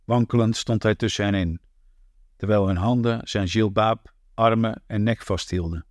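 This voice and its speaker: Man, audiobook narration, low voice, measured, dry close sound. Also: fairly even intonation, dry recording. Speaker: audiobook reader.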